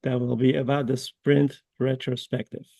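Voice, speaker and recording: Brief: male guest trainer, dark and gravelly voice, earnest and measured with hesitant pauses. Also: mid-range voice, little pitch movement, dry recording. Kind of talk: online webinar discussion.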